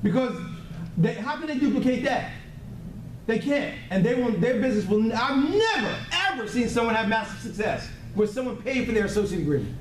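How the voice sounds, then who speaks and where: A man's voice: extremely high pitch, big pitch swings, fairly quick. A man giving a motivational sales training talk, blunt and emphatic, repeating key words and often checking that the group follows. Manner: emphatic repetition for effect; frequently checks in with listeners. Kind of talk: motivational training seminar speech. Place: indoor training room with a live group. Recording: echoey room, distant mic, faint noise.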